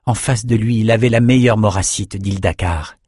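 A man narrating a fantasy audiobook in a measured, even storytelling voice. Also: on the low side, breathy edge, no echo, clean studio sound.

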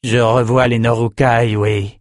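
A man's voice: mid-range voice, little pitch movement, unhurried, no room sound, studio quality, lightly acted. A man voicing a cold, scarred male gladiator champion who speaks curtly and icily, in a storybook reading. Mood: icy. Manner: curt, icy.

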